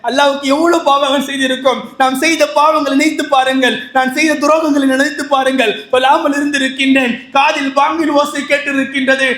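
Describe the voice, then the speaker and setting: A man's voice: very high-pitched, flat delivery, brisk, few pauses, sharp tone. A man preaching a sermon on repentance, impassioned, repeating his lines and asking rhetorical questions. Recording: echoey room.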